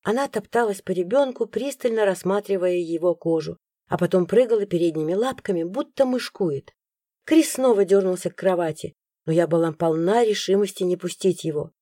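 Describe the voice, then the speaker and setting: A woman narrating a first-person audiobook with expressive, animated storytelling. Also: on the low side, fairly quick, dry recording, studio quality.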